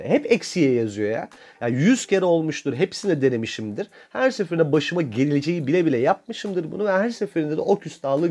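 A man in his thirties from Turkey vents in a loose, profane monologue. His fairly high voice swings widely up and down as he rants and mocks himself, with laughter breaking in between. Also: a little mellow. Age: 30s. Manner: ranting, profane, self-mocking. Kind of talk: casual monologue.

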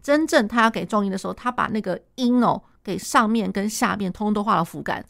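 A woman piano teacher with a Taiwanese Mandarin accent, explaining a piece in a lively way, singing and scatting the notes and laughing often. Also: medium pitch, fast talker, gravelly. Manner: animated, sings and scats the notes.

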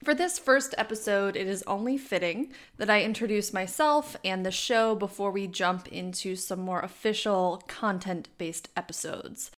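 A young woman with a Wisconsin accent and a nasal voice with some vocal fry, hosting a chatty, scripted solo podcast with playful, self-deprecating asides. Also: medium pitch, moderate pace, hardly any pauses. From Wisconsin, United States. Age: young adult. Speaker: podcast host.

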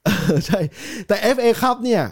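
A man co-hosting a podcast, chatting casually about football, animated and quick to laugh. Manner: rapid, animated, laughs often, swears casually. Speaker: podcast co-host.

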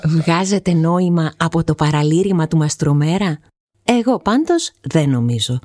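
Narrator: low-pitched woman, wry scripted storytelling for a children's series. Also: expressive, darkish tone, no echo, studio quality.

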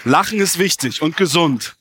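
Fairly high-voiced male preacher. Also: lively intonation, moderate pace, background noise. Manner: swings between soft storytelling and loud emphatic appeals; humorous, interrupts himself. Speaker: pastor. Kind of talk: sermon. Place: church before a congregation.

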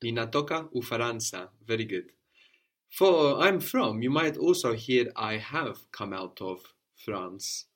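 Male tutor, mid pitch, patient drilling style, repeats and corrects. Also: expressive, measured pace. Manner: patient, prompting questions and repeating answers. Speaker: language teacher. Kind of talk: one-on-one language lesson.

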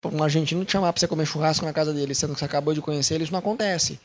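A Brazilian man with a Brazilian Portuguese accent, a missionary talking casually to the camera, animated and repeating words for emphasis. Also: a little high, racing.

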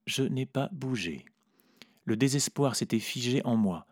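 A man narrating a literary story in a measured, reflective way. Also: mid-range voice, expressive, a little mellow, dry recording, studio quality.

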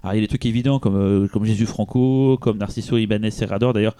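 A man's voice: fairly low pitch, fairly even intonation, fast, dark tone, clear, resonant tone, dry recording, studio quality. A man co-hosting a podcast, presenting a film in casual chat with frequent restarts and hesitations. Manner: rambling, many restarts and hesitations.

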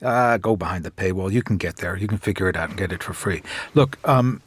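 A man's voice: sits low, a little fast, husky. An American-raised man in his sixties, talking casually as a wry, opinionated guest on a political panel. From United States. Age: 60s.

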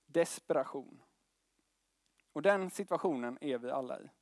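A young man preaching a sermon in a conversational way, mixing slang with tag questions and swinging between loud calls and quiet, slow lines. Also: medium pitch, expressive, dry recording, clean studio sound.

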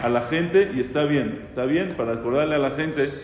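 A rabbi teaching a casual lesson on prayer law, talking conversationally, asking questions and quoting prayers aloud. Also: male voice, fairly high pitch, a little fast, background noise. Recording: echoey hall with faint ambience.

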